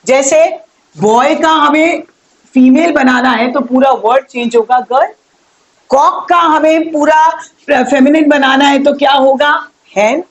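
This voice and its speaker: Here a young woman teaches English grammar at a slow pace, spelling out words one letter at a time and quizzing her audience. Her pitch is high, and the recording has its highs cut off.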